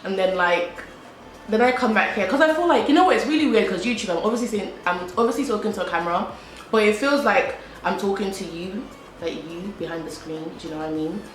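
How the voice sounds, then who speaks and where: This fast-talking young British vlogger, with a medium-pitched voice, eats while chatting casually to camera. Her speech is loose and repetitive, full of "like," and the echoey room has a faint hum in the background.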